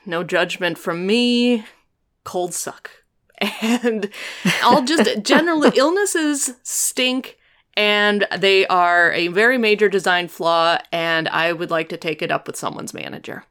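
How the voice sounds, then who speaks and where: A woman's voice: mid-range voice, animated, unhurried, a bit bright. A woman hosting a podcast in a casual, conversational way, telling stories with animation. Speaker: podcast host.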